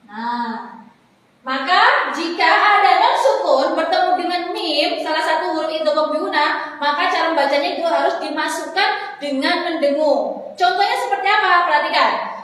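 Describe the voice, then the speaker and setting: A woman teaching Quran recitation, explaining rules patiently and chanting each example slowly several times. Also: very high-pitched, animated, a bit bright, slight background noise. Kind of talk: classroom lesson on recitation rules. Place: room in a foundation office, marking a board. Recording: echoey hall, voice far from mic.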